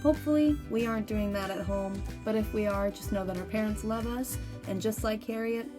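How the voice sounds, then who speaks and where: A woman reads a picture book aloud to children, narrating the story and addressing her young listeners directly. Her voice is medium-pitched and a little fast, with music in the background.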